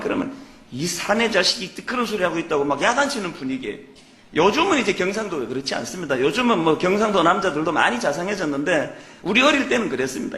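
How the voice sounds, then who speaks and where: A man delivers a sermon from the pulpit. His voice sits high and swings widely in pitch, earnest and emphatic. The sound carries the echo of a church hall. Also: fairly bright tone. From Gyeongsang, South Korea. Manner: earnest, emphatic preaching with rhetorical questions. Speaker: pastor. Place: church sanctuary.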